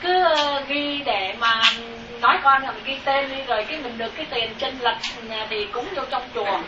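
A woman in the congregation asking a question, halting and hesitant. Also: high-pitched, dull audio, background noise. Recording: faint, distant, echoey hall audio.

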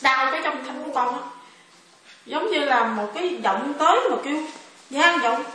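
A woman with a high, bright voice describes what happened to her in halting bursts, often repeating words. She sits away from the microphone, and the room echoes heavily. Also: slight background noise. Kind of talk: emotional personal testimony. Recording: echoey room, far from mic.

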